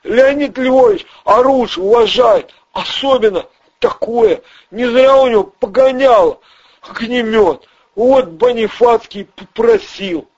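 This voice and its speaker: A man voicing a panicky, pleading red-haired male small-time crook, whiny and shrill. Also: unhurried, darkish tone, breathy edge, heavily acted. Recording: dull lo-fi audio.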